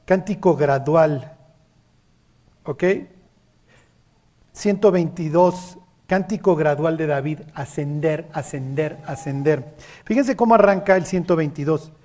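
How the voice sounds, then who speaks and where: A Bible teacher leads a group study. The speaker keeps checking that everyone follows and slips into lively acted-out voices for the scripture quotes, at an even, middle pitch. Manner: keeps checking in with listeners, acts out biblical quotes.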